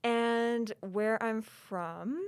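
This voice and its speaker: A woman's voice: a little high, extremely slow, clear, resonant tone, no echo. A young woman from Alberta, a podcast producer, answering interview questions in a thoughtful, casual way. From Alberta, Canada. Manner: thoughtful, uses "like" fillers. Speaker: podcast producer and research assistant.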